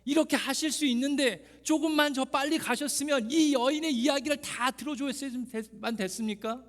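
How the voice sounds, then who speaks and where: A man's voice: extremely high pitch, normal speed, long reverb tail, pitched above the performer's own voice. A man acting out a grieving father who pleads and questions in anguish during a sermon. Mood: anguished pleading.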